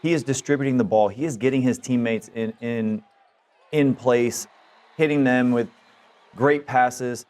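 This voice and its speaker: A man's voice: medium pitch, measured pace, a little mellow. A man co-hosting a sports radio show, making his points emphatically. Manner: emphatic and argumentative. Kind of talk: casual sports analysis.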